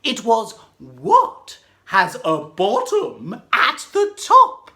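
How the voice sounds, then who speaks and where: Zany, swooping, high-pitched Mad Hatter. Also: female voice, huge pitch swings, drawn-out words, pushed and bright, exaggerated voice. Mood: playful, giggly. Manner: whimsical, exclamatory, giggles at own jokes, chatty with audience. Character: zany, giggling, excitable Mad Hatter telling silly jokes. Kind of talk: theatrical children's character monologue and poem recital.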